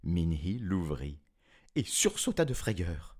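A man narrating a children's tale with expressive, dramatic delivery. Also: low-pitched, takes it slowly, slightly rough. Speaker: storyteller. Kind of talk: storybook narration.

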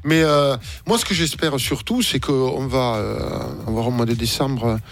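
A man co-hosting a radio show, speaking softly and reflectively. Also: mid-range voice, unhurried, a little hiss or hum.

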